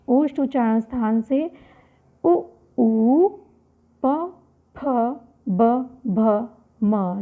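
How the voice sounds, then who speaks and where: A woman teacher explains pronunciation at an unhurried, deliberate pace, her voice sitting a little high. She repeats key terms, asks the listener questions and then answers them. The sound is narrow and tinny, like a phone line. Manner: chants grammar rules very slowly. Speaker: Sanskrit grammar teacher. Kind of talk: classroom-style video lesson.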